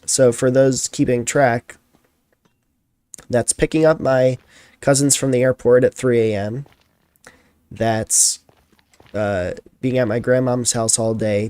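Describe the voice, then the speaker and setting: A man's voice: lowish voice, darkish tone, no echo. A tired young man chatting casually as a streamer, telling a rambling story full of fillers.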